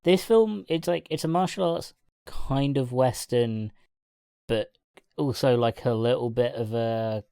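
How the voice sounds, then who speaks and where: Very deep-voiced woman chatting about films. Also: a little slow, warm tone, smooth, no echo, studio quality. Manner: rambling, laughs often. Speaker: podcast co-host. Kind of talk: casual film review chat.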